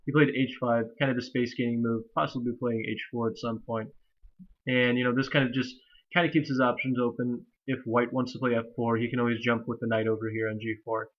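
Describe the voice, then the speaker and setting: A young man with a stuffy, nasal voice talks through a chess game in a rambling, casual way, full of fillers and restarts. His pitch stays flat and even. The recording is slightly dull and lo-fi, like a home computer mic. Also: a little fast. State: stuffy from allergies. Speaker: chess commentator.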